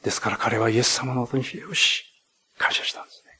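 A male pastor preaching a sermon in an earnest way, rising to emphatic peaks and slowing for key points. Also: medium pitch, fairly even intonation, bright, forceful tone, breathy edge.

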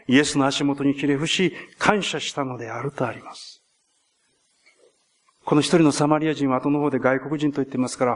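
A male pastor preaching a sermon in an earnest way, rising to emphatic peaks and slowing for key points. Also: fairly high pitch.

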